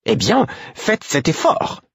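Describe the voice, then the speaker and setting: A man reading an audiobook voices a stern, irritable old woman healer who barks sharp, scolding orders. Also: high-pitched, sing-song, slow, creaky, breathy edge, dry recording, clean studio sound, pitched above the performer's own voice, heavily acted.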